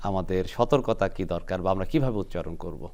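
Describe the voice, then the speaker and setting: A man hosting a studio discussion, asking formal, measured questions. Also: sits low, animated, gravelly, a little mellow. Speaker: host.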